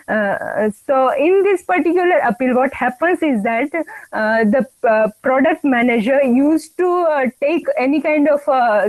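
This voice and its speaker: A young woman, giving a halting class presentation over a video call and often restarting words. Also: high voice, dry recording, poor audio. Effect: heard over a video call. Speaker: student presenter.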